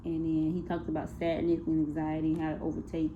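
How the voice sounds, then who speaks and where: A woman's voice: sits low, completely flat delivery, fast. A young woman giving a casual spoken class presentation on a music project, hesitant, with many fillers and self-corrections. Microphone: phone. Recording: tinny phone-like recording with faint noise.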